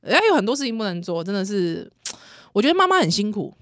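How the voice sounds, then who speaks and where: Brief: Taiwanese woman, thirties, pregnant podcast co-host, animated storyteller, dry close sound. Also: mid-range voice, quick pace, no echo. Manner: laughs often, animated storytelling, slips into Taiwanese. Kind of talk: casual chat.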